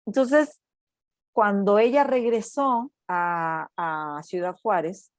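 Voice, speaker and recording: A Mexican university researcher, she tells a story in a casual interview, speaking slowly at a medium pitch. She's animated, acting out the voices she quotes and often ending sentences with "¿no?". The recording is dry, with clean studio sound.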